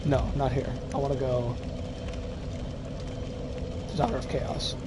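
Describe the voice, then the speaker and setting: A man streaming a video game, giving casual, rambling commentary full of fillers and quick chuckles. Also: medium pitch, level tone, very noisy. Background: game music.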